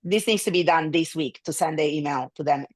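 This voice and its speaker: A woman's voice: low-pitched, fairly quick, dry recording, low-quality recording. A woman whose first language is Spanish, hosting an online meeting in a friendly, hesitant way with many restarts. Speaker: meeting host. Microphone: video call.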